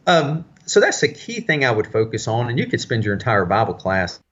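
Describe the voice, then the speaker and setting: A man teaching a Bible study in a conversational way, explaining passages with frequent pauses and fillers. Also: medium pitch, big pitch swings, fairly bright tone, dull audio.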